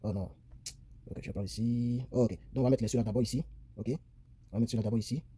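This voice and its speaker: Fast-talking husky male teacher. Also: medium pitch, fairly even intonation, mellow. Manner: chatty, repeats himself, narrates his drawing on a tablet, self-correcting. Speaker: English teacher. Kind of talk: casual screen-recorded lesson.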